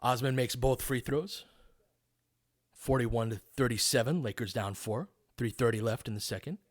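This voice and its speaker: This play-by-play commentator works a live basketball game at a moderate pace, his voice medium in pitch. He chats casually and roots openly for one side, while also explaining the tactics like a coach would.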